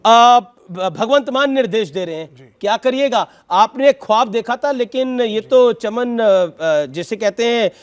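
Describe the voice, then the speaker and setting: A man with a very high voice moderates a televised debate. He needles his guests and stretches his questions out slowly. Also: expressive, clean tone. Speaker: debate anchor.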